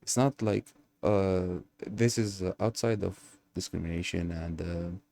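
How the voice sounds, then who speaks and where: A young man from Algeria telling his own story in a casual monologue, pausing often and hunting for words. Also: low voice, steady tone, gravelly, dark tone. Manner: hesitant, searching for words with many fillers. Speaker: channel host.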